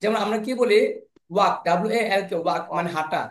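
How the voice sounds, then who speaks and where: A man teaching English pronunciation in an online class, slowly repeating sounds and words over and over. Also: high voice. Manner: slow, repeats sounds and words many times. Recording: echoey room.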